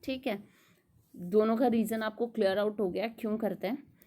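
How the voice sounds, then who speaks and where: A woman teaching an exam-prep literature lecture, explaining in Hindi and reading English summary lines slowly, asking and answering her own questions. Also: mid-range voice, warm tone.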